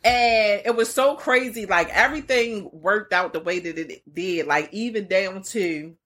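Female comedian as podcast guest, Baltimore accent, raspy-edged voice, frank and salty casual talk. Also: mid-range voice, measured pace, fairly bright tone. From Baltimore, United States. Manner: blunt, profane, slangy. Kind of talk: casual candid chat, storytelling.

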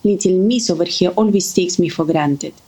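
A woman acts out a warm, motherly older woman in a family drama. Her voice sits fairly low and sounds husky. She speaks gently and affectionately. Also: normal speed, close to an everyday voice, rough recording. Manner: gentle, affectionate, calls others darling. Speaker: family friend. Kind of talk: drama acting.

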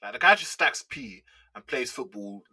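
A young man talks football in excitable, slangy banter. His voice is bright and ringing, and his pitch swings widely as he talks. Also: normal speed, breathy edge. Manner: excitable slangy banter, says bro a lot. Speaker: podcast co-host. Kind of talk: casual football chat.

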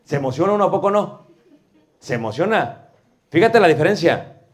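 A man with a Mexican accent teaching a class on preaching, animated and full of rhetorical questions. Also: fairly high pitch, moderate pace. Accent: Mexican Spanish. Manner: animated, asks rhetorical questions, homely cooking comparisons. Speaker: preaching instructor. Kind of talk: lively class lecture.

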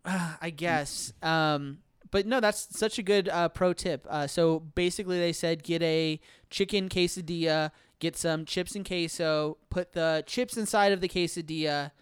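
A man's voice: fairly high pitch, steady tone, a little slow, hardly any pauses, clean tone, no room sound, clean studio sound. Joking laid-back male podcast host. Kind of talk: casual podcast chat.

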